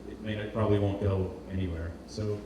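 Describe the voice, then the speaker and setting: A fairly quick talker with a fairly low pitch and fairly even intonation, this Portuguese man gives an informal designer's presentation. He hesitates, repeating words as he looks for the right phrasing. The roomy, noisy, distant recording was made in an indoor event hall full of echo.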